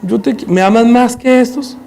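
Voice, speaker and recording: A man voicing a gentle male teacher who asks softly and repeatedly. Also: extremely high pitch, moderate pace, gravelly, pitched above the performer's own voice. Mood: tender. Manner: soft, repeated pleading questions. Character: gentle adult male teacher pleading with a friend.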